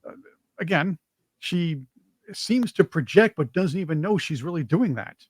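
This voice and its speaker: A man's voice: a little high, lively intonation, a little slow, breathy edge, dry recording. A man hosting a reaction commentary show, often stopping with interruptions and fillers and laughing between points. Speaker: show host.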